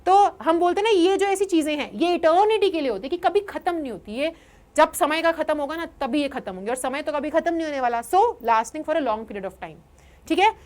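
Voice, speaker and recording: In a lively online lesson, a high-pitched young Indian woman covers English vocabulary. She gives her explanations in Hindi and takes the English examples at a slow pace.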